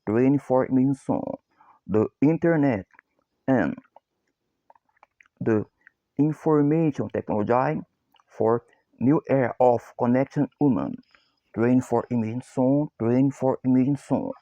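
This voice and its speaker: A Brazilian man with a Brazilian Portuguese accent, a copywriter, introduces himself in broken English, chanting the same short phrases again and again. His voice is mid-range, and the recording is dry and dull.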